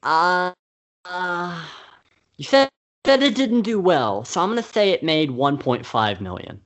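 A man's voice: sits high, big pitch swings, measured pace, a bit bright. A man co-hosting a film podcast, talking casually and rambling with many fillers and restarts. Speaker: podcast co-host. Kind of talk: casual film-review chat.

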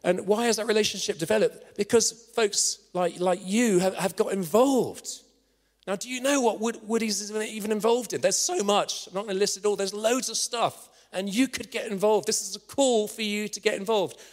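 A man preaching a sermon in an earnest manner, at times dropping to a hushed storytelling voice. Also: high voice, moderate pace. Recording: long reverb of a church hall.

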